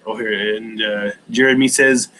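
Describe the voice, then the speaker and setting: A man's voice: fairly low pitch, fairly even intonation, a little slow, bright, forceful tone, slight background noise, low-quality recording. Man, forties, live stream host, casual Q&A chat, rambling, hesitant. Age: 40s. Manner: rambling, hesitant, many ums and restarts.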